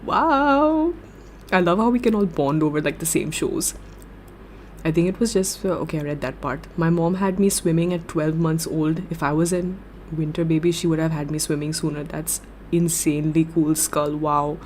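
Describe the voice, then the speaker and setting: A young woman with a deep voice chats casually on a livestream, answering viewer comments in a giggly, gushing, excitable way at normal speed. Slight background noise is audible.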